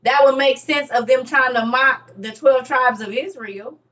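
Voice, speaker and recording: Woman, casual emphatic lecture to viewers, slightly high voice. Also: a little slow, a bit bright, far from the mic. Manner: emphatic, repetitive, teaching as she reads. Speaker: online teacher on religion and history.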